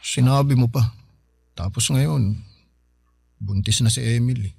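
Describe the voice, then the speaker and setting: An actor playing a hard-up, stubborn young brother in a Filipino radio drama, pleading and defensive in casual everyday speech. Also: male voice, medium pitch, measured pace, creaky, darkish tone. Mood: dejected. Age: young adult. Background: music bed.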